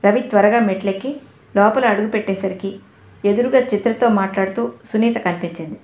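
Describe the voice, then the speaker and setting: A woman reads a novel aloud in a measured, even storytelling manner. Her voice sits at a middle pitch. The room around her gives it a noticeable echo. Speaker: audio novel narrator. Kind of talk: scripted narration of a novel. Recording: roomy echo.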